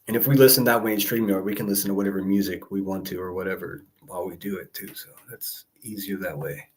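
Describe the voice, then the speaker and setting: A man's voice: deep voice, fairly even intonation, quick pace. A man hosting a live call-in show, chatting informally as he coaxes and greets listeners. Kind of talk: casual livestream chat. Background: background music.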